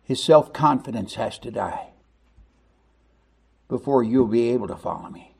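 A man voicing a calm teacher who speaks quietly and gently to his follower. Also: mid-range voice, measured pace, creaky, slightly rough, pitched below the performer's own voice. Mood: gentle.

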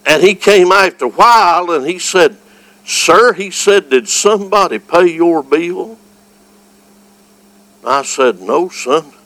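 Here a high-pitched Southern US preacher takes his time with a fervent evangelical revival sermon. He is animated, folksy and exclamatory, going from soft storytelling to shouting. The recording is rough, though free of echo.

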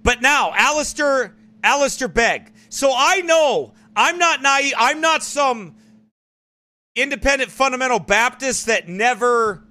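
A man preaching a sermon, talking in an emphatic, folksy way with quick asides to his congregation. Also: very high voice, pushed and bright. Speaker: pastor. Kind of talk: sermon commentary.

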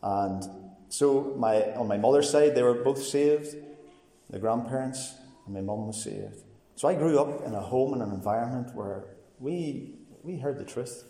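A man in his forties with a Northern Irish accent, giving a personal testimony in a plain, earnest, halting way. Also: medium pitch, mellow. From Northern Ireland. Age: 40s. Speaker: testifying church member. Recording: echoey hall with long reverb.

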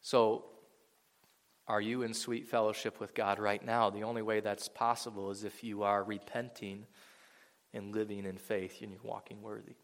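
A man's voice: lowish voice, little pitch movement, moderate pace. A man preaching a sermon to a congregation in a church, earnest and swelling to emphatic peaks. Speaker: pastor. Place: church sanctuary before a congregation. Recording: long reverb of a large hall.

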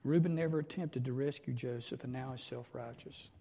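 Brief: male preacher, dark slightly high voice, rhetorical questions, long church echo. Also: brisk, vocal fry, husky. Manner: emphatic, asks many rhetorical questions. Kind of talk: sermon. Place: church sanctuary.

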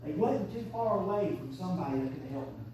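Woman preacher, 30s, swings from hushed to shouting, echoey church, distant mic. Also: on the low side, lively intonation, fast talker, noisy background. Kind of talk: sermon. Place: church sanctuary.

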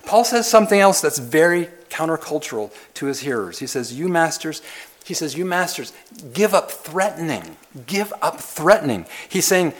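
Man, pastor, expository sermon, repetitive phrasing, rhetorical questions, soft-to-loud swings. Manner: swings between soft low asides and loud emphatic lines.

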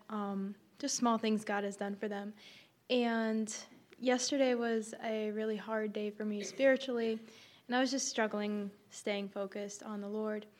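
A young woman, a college student from Nepal and North Carolina, gives a sincere testimony with pauses and fillers. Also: fairly high pitch, a little mellow. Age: young adult. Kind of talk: spoken testimony.

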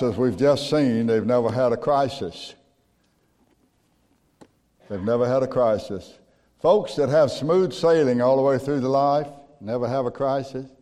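Man preaching a sermon in a hall. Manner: swings from loud calls to low quiet asides, acts out quotes. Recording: long hall reverb.

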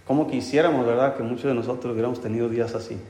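A male pastor delivers a sermon at a middle pitch, calling his listeners brothers and asking rhetorical questions that he answers himself. His voice rings through a roomy hall with a long, trailing reverb. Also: steady tone, racing, mellow. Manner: addresses listeners as brothers, light humor.

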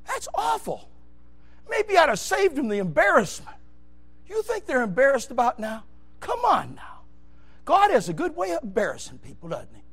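Fiery high-pitched preacher man. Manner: shouting, emphatic, swings from loud bursts to low asides. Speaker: pastor. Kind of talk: fiery Baptist sermon.

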